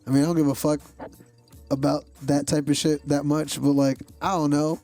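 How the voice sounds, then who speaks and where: A man's voice: on the high side, little pitch movement, moderate pace, dark tone, soft background music. A young man co-hosting a podcast, rambling in slangy, profane casual chat among friends. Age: young adult. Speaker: podcast co-host.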